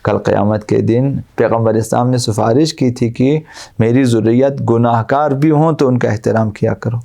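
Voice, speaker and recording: A male Islamic cleric gives a religious lecture in a mid-range, gravelly yet mellow voice. He recites Arabic verses and then explains them with plain, repetitive examples.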